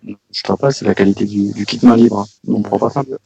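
A man's voice: on the low side, steady tone, fast talker, creaky, darkish tone. Man on a muffled hands-free phone line. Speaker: guest author. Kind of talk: casual phone interview.

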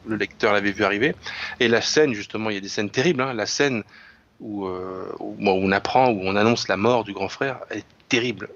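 A man's voice: lowish voice, fairly quick, a bit bright, lo-fi sound. A man talking casually about a novel, hesitant, with frequent restarts and fillers. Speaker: radio show guest discussing literature.

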